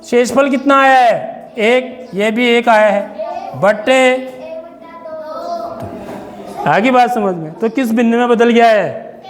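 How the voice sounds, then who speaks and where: Male teacher, high voice, quizzes the class; long classroom reverb. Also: takes it slowly, long pauses. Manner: questioning, repeats "theek hai" often; stern with inattentive children. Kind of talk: classroom maths lesson.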